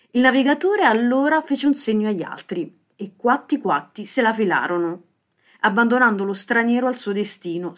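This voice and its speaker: A woman hosting a children's podcast, reading a fable aloud with lively, expressive delivery. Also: medium pitch. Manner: lively expressive reading with sound-effect words. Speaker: storyteller host.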